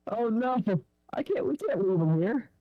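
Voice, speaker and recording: A man's voice: very high voice, very animated, moderate pace, dry recording. A man playing a tabletop game whose voice sounds muffled, as if it came from far away. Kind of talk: casual in-character play.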